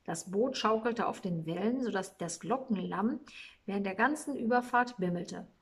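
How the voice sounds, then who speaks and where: A woman reading a Christmas storybook aloud in a calm, measured storytelling manner. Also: medium pitch, breathy edge.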